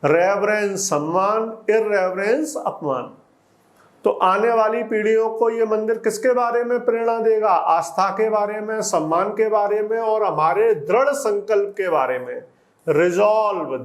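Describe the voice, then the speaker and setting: A high-pitched man with an Indian English accent teaches at an unhurried pace. He reads English phrases slowly, then explains them in Hindi, asking and answering his own questions. The room around him is echoey. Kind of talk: newspaper reading lesson.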